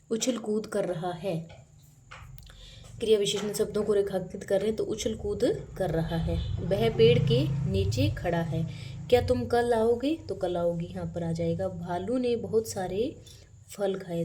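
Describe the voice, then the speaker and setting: A woman's voice: mid-range voice, warm tone, a little hiss or hum. A woman teacher going through workbook grammar exercises, reading each question aloud and then explaining the answer.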